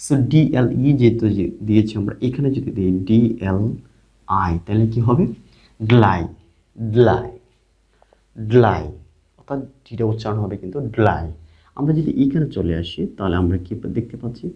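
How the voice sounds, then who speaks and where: A man teaching an English spelling and sound lesson online, asking questions and answering them himself, repeating each sound slowly. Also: on the low side, lively intonation. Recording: dull lo-fi recording.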